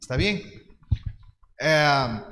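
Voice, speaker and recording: A man's voice: a little high, lively intonation, very slow, bright, forceful tone, slight background noise. A man, preaching a teaching sermon in an earnest, direct way and calling his listeners brothers. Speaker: pastor. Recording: long hall reverb.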